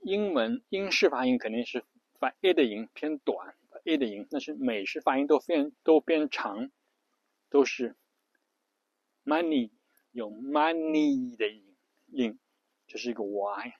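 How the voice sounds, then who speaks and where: A man's voice: mid-range voice, lively intonation, moderate pace, vocal fry, no room sound, muffled recording. A man giving a casual spoken lesson on pronunciation, repeating himself often, with words. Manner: repetitive, lots of fillers and restarts, spells letters out. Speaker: English pronunciation teacher.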